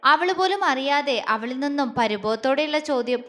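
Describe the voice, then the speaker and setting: A woman storyteller narrating a scripted romance story in a steady, expressive reading voice. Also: sits high, moderate pace. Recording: long reverb.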